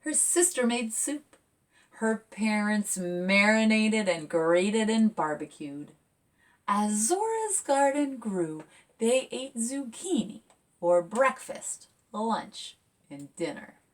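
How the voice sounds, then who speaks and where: Speaking slowly in a mid-range voice, far from the microphone, a woman who writes children's books chats and reads a picture book to young listeners in a lively, engaging way that seems to invite them in.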